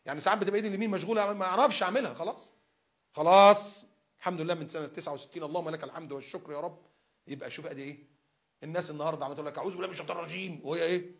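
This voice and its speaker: A man's voice: fairly high pitch, very fast. A man in his fifties with an Egyptian accent, giving a casual religious talk, acting out examples and firing rhetorical questions. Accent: Egyptian Arabic. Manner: animated, acts out examples, asks rhetorical questions. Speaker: preacher.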